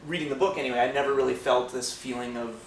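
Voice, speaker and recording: A man's voice: mid-range voice, fairly even intonation, quick pace. A man co-hosting a film podcast, chatting casually and rambling with many fillers. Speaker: podcast co-host. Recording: roomy, distant mic, faint noise.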